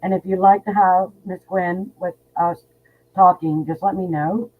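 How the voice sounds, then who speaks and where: A psychic medium in her fifties speaks bluntly and outspokenly as a guest in a casual interview, often repeating words. Her voice is lowish with fairly even intonation at a measured pace, coming through a tinny phone line with faint noise.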